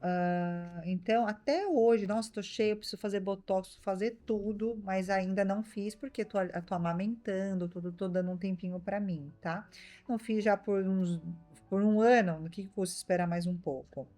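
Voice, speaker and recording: A woman's voice: medium pitch, moderate pace, mellow, faint music behind. A young Brazilian woman with a Brazilian Portuguese accent, chatting casually to her viewers in a vlog and often checking in with them. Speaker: vlogger.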